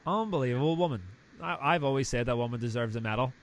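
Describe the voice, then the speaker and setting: A Northern Irish man in his thirties hosts a casual livestream interview, talking fast in a mid-range voice. He's chatty and jokey, drifting into rambling tangents and asides.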